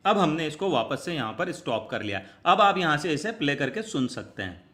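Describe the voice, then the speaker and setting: Tutorial host, male, bright forceful voice, slightly high, patient click-by-click instructions. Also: sing-song, fairly quick. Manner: step-by-step instructions, addresses viewers as friends. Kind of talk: screen tutorial walkthrough.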